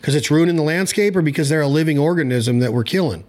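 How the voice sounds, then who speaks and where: A man with a slightly high-pitched voice holds forth in casual conversation. He is opinionated and blunt, rambles from point to point, leans hard on his words and drops in mild slang. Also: animated, fast, a little mellow. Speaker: hunting show host.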